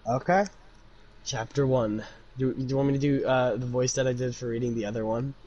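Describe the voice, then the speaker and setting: On a muffled recording from a noisy amateur livestream mic, a young adult man reads and narrates fan fiction. His medium-pitched voice is flat, fairly quick, and a little mellow, while his casual talk is full of jokes and self-mocking jabs at himself and others.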